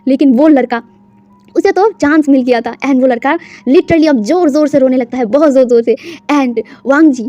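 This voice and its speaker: A woman's voice: high-pitched, normal speed, dark tone, dull audio, soft background music. A woman narrating a fan fiction story in a chatty way, often dropping in English words and fillers.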